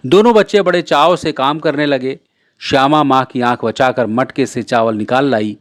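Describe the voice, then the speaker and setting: A man's voice: medium pitch, normal speed, no echo, studio quality. Man reading a storybook aloud. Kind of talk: storybook narration.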